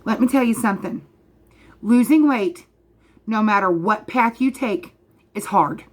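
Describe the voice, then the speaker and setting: A woman's voice: medium pitch, a little slow. A woman in her thirties ranting passionately to camera as a vlogger, emphatic and repeating her points straight to the viewer. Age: 30s. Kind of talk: passionate direct-to-camera rant.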